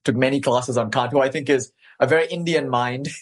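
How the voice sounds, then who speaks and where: A man's voice: medium pitch, moderate pace. A man, an articulate interview guest who laughs often, speaking over a video call. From Malaysia. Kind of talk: conversational interview.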